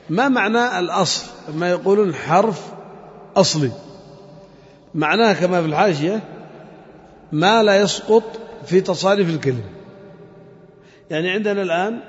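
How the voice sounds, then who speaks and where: Man teaching a class in a reverberant hall. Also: a little high. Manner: explanatory, quizzes students, repeats terms. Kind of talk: classroom grammar lesson. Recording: muffled audio with long hall reverb.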